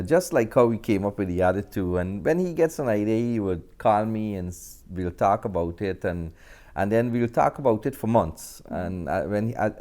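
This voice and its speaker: A middle-aged actor and director with a deep, slightly mellow voice and a Guyanese accent speaks as an interview guest. He answers conversationally, in a storytelling way.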